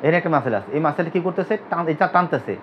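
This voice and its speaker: Racing through his lesson, a man from Bangladesh teaches anatomy in an expressive, fairly high-pitched voice. As a physiotherapy teacher, he quizzes students by having them repeat terms and drills them with repeated questions. The dull lo-fi recording has a little hiss or hum.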